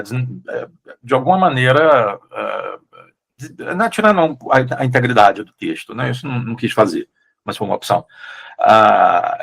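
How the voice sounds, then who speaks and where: A Brazilian man, a literary translator, talking through his choices in a relaxed interview, with frequent restarts and questioning tags. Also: medium pitch, vocal fry, breathy edge. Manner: thoughtful, hesitant, many restarts and "né?" tags. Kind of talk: casual conversational interview.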